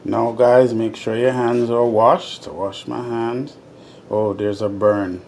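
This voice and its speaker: A Jamaican man talks slowly through his home cooking, his low voice staying flat and unhurried as he explains each step to viewers. The phone recording picks up clear kitchen noise, with pots boiling in the background. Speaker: home cooking show host. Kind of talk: casual cooking vlog. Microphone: phone camera held over the stove. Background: pots boiling and sizzling.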